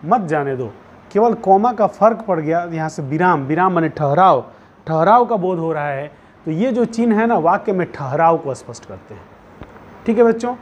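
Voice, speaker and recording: A man teaching a Hindi grammar lesson. He dictates notes slowly, repeats each phrase and puts questions to the pupils. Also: on the high side. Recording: dull lo-fi sound with faint background noise.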